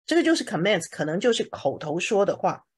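A woman's voice: mid-range voice, very animated, brisk, breathy edge. A woman teacher explaining English words to a class, often stopping to ask if anyone has questions. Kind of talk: classroom vocabulary lesson.

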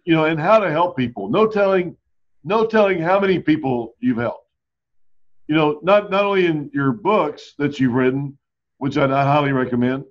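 A man hosting a talk show, speaking in a halting, appreciative way. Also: fairly high pitch. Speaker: host. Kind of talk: casual interview talk. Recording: dull lo-fi sound.

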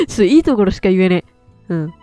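A woman streamer doing loud, excitable let's play commentary into a close mic. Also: medium pitch, no room sound. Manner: excitable, loud, laughs often. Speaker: game streamer.

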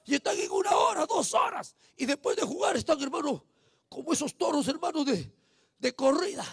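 Shouting Peruvian street preacher. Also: male voice, extremely high pitch, very animated, brisk, vocal fry, no echo. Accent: Peruvian Spanish. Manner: shouting, repetitive exclamations of praise. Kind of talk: fiery evangelistic sermon.

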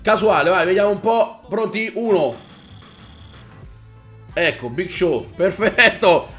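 A young man giving excited gameplay commentary, swearing and shouting at the game as he plays. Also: high-pitched, slow, soft background music. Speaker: gaming YouTuber.

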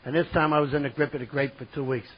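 A man's voice: mid-range voice, level tone, racing, slightly rough. A man from New York with a New York accent, giving a comic, self-mocking talk about his past to a conference audience. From New York City. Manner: vivid, self-mocking and theatrical. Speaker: recovery meeting speaker. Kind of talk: comic personal storytelling to an audience. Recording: dull lo-fi conference tape.

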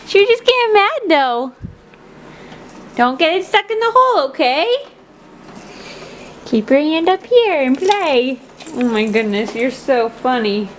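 A woman's voice: high-pitched, sing-song, measured pace, long pauses, a little hiss or hum. A young woman vlogging casually at home, giggling often and talking sweetly to her baby daughter. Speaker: vlogger, mother. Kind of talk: casual family vlog chat.

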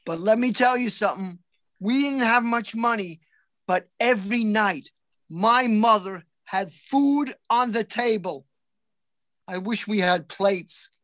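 A man from New City, delivering deadpan stand-up one-liners with deliberate timing from home for a virtual open mic. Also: high voice, no echo, studio quality. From New York City. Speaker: stand-up comedian. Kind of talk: stand-up comedy routine.

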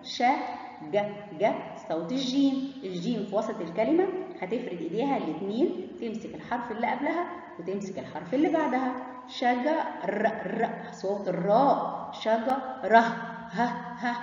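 A kindergarten teacher with an Egyptian Arabic accent leads a phonics lesson, lingering on each letter sound. Her fairly high voice comes from some distance away. It carries a long, heavy echo, and the sound is dull and muffled. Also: expressive, darkish tone. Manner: slow, drawn-out sounding of letters and syllables. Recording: echoey, muffled room from a distance.

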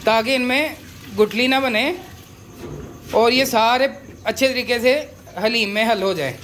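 Man calmly narrating a noisy outdoor cooking demo. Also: extremely high pitch, a little slow. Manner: calm step-by-step explaining. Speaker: cooking channel host.

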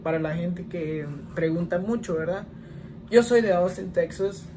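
This twenty-something man speaks with a Mexican Spanish accent in a high-pitched, warm voice, taking his time. He's vlogging casually from a small room with a plain wall, rambling through answers to questions and often adding "¿verdad?". A faint hiss or hum sits under the audio.

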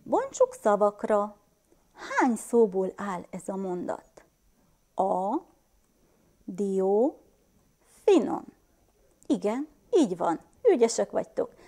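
A teacher with a Transylvanian Hungarian accent works through a reading lesson for first graders, sounding out words at a slow pace and asking the kids questions. Her warm voice sits at medium pitch but swings widely up and down.

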